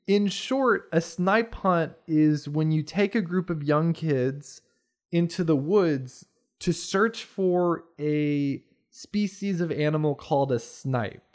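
A young man chatting casually on a podcast, telling stories in a rambling, animated way. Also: a little high, slow. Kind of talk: casual chat.

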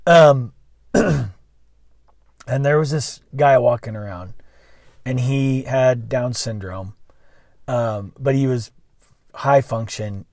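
A man's voice: medium pitch, takes it slowly, gravelly, pauses often, a little mellow, no room sound, studio quality. A man, a school bus driver, telling a story in a casual, rambling monologue full of restarts and self-corrections.

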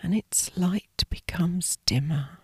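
A woman narrating a scripted sleep story as a guided meditation, in a breathy, hushed, soothing whisper. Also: lowish voice, slow, no room sound, studio quality.

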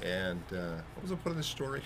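Male radio co-host, deeper voice, loose rambling storyteller, faint hiss. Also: big pitch swings, fast talker, fairly bright tone. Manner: rambling anecdotes with fillers. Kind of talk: casual chat.

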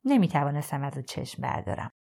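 A woman narrating a novel chapter for an audiobook podcast in a calm, even storytelling manner. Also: low-pitched, creaky. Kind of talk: scripted narration.

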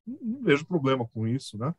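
A man with a Brazilian accent, a guest in a casual conversation, telling stories in a lively way with frequent chuckles and tag questions. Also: fairly high pitch, quick pace, husky, no echo. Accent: Brazilian Portuguese. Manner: animated storyteller, chuckles often, many filler tags.

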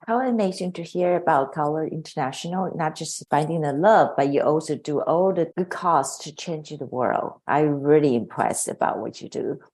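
A woman's voice: sits low, moderate pace, hardly any pauses, darkish tone. A woman hosting an interview who asks questions and sounds admiring. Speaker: host.

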